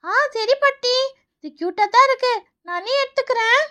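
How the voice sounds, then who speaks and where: A woman voicing an excitable little girl in a children's cartoon, pleading and eager. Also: very high voice, normal speed. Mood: excited. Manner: excited, pleading, repeats "paati, paati".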